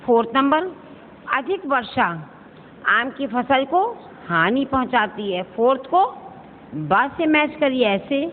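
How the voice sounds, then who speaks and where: A woman's voice: high voice, animated, slow, long pauses. Patient woman teacher on a tinny recording. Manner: patient, explains step by step, addresses students as beta and checks if they understand. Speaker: school Hindi teacher. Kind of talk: recorded online lesson going through a worksheet. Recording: echoey, tinny phone-like recording with faint hiss.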